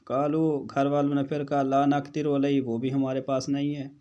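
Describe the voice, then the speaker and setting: A man teaching an Arabic textbook lesson, reading each Arabic line slowly and then explaining it in Urdu with casual teacherly asides. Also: medium pitch, little pitch movement, warm tone, dull audio. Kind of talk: lecture reading and translating Arabic text.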